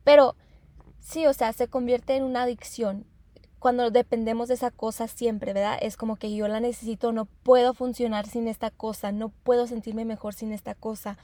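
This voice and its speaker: A woman's voice: a little high, steady tone, warm tone, no room sound. A woman giving an informal self-help talk, explaining with frequent rhetorical questions and repeating her phrases. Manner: halting, repeats and restarts phrases.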